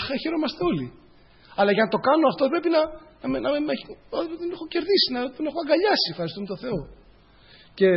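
A man's voice: high-pitched, husky, dull audio. A man preaching a sermon, addressing the congregation as brothers, telling personal stories and repeating phrases for emphasis.

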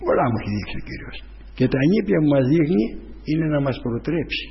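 A man's voice: a little high, animated, gravelly. Man, church testimony, rambling fervent storytelling, dull lo-fi sound, reverberant hall. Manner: rambling storytelling with many restarts, preaching fervently. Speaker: church member giving testimony. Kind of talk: spoken testimony to a congregation.

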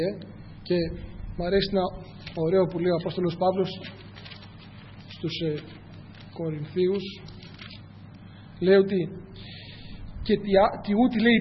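A man preaching a sermon, speaking earnestly, often addressing his listeners as brothers and asking rhetorical questions. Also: sits high. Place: church hall. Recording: echoey hall, dull lo-fi, faint hum.

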